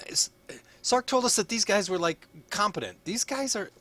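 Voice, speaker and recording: Flustered, earnest game-character woman played by a man, high pitch, bright forceful tone, halting pleas. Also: expressive, no room sound. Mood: dismayed. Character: anxious, earnest, easily flustered woman leader named Sunny.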